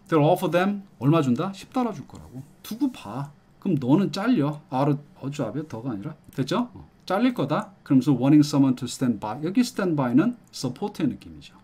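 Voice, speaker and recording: A husky, fairly high-pitched middle-aged man gives an exam-prep lecture, explaining and coaxing in a lively manner. He questions the students along the way and frequently asks "알겠죠?" ("got it?").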